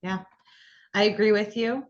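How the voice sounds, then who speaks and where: A woman interviewing a guest for a charity fundraiser, gentle and affirming. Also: medium pitch, steady tone, normal speed, dull audio. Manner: gentle, affirming, with short yeahs. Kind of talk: interview questions.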